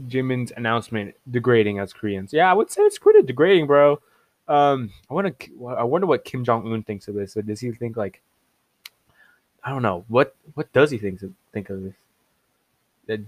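Young man, casual reaction commentary, mocking, excitable, dry close sound, mid-pitched voice. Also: dry recording. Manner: excitable and mocking, laughing, voice jumping up in disbelief. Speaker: online commentator.

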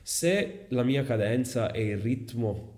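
A man's voice: mid-range voice, expressive, slow, a little mellow, echoey room. A man talking casually as a guest on a podcast, explaining his points at length. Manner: explanatory, switches into English for examples.

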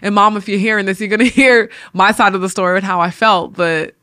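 Bright-voiced woman, animated storyteller. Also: mid-range voice, quick pace, dry recording, studio quality. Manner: animated, laughing, acts out quotes. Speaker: podcast host. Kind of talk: casual faith storytelling.

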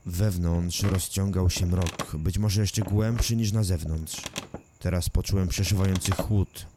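A man with a low voice narrates a first-person thriller audiobook, calm and measured. A steady noise bed with chirping crickets runs under every line.

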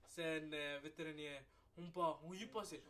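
Young man, podcast co-host, casual chat, animated storytelling, street slang and swearing, fairly high voice. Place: podcast recording room.

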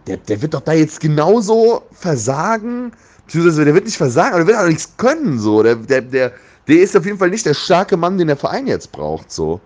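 A man's voice: fairly high pitch, sing-song, brisk, a little mellow. Blunt, slangy man griping about football. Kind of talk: casual opinionated football chat.

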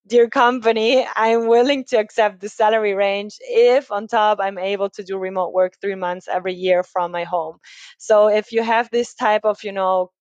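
A woman's voice: mid-range voice, dry recording, muffled recording. A woman from Ecuador, a recruiting agency founder talking as a guest in a conversational podcast interview, explaining things with many tag questions and fillers.

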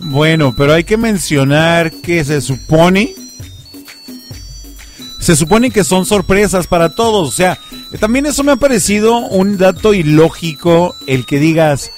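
A man's voice: high-pitched, expressive, a little slow. A Mexican man around his late thirties hosting a radio show with casual, slangy banter, joking and laughing easily. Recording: music playing under the voice.

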